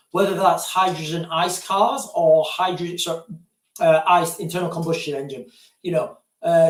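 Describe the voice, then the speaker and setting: A male live-stream host with a high voice answers viewer questions in loose, rambling chat, drifting off on tangents and repeatedly calling his viewers "guys." He sits some distance from the mic, and the room sounds spacious.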